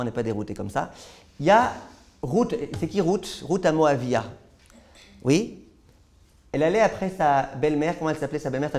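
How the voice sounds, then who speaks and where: Gravelly rabbi telling stories to a class. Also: male voice, a little high. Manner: lively storyteller who stumbles into repeated words. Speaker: rabbi teaching a Torah class. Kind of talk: storytelling Torah lesson. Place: class hall with a live audience.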